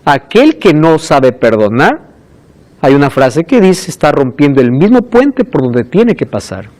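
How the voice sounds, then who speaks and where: Pastor, man, high voice with lots of melody, preaches and acts out the voices he quotes. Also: big pitch swings, unhurried, a little mellow. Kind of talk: sermon.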